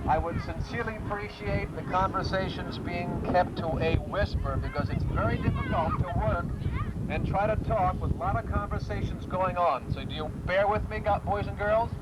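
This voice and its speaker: A man's voice: high voice, muffled recording. A man presenting a school program outdoors, addressing children and teachers in a projected, polite, wordy instructing manner. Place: outdoors beside a helicopter. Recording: very noisy outdoor live recording.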